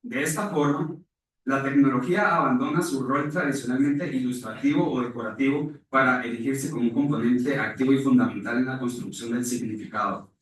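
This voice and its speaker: A man from Rica, giving a formal, measured academic conference presentation that is partly read aloud, and correcting himself at times. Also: medium pitch, slight background noise. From Costa Rica. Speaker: conference speaker. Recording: echoey hall, voice far from mic.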